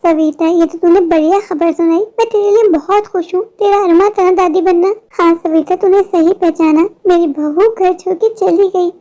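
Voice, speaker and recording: A woman voicing a bitter, sharp-tongued older mother-in-law in a cartoon story, taunting her daughter-in-law. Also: very high-pitched, steady tone, moderate pace, hardly any pauses. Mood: gloating.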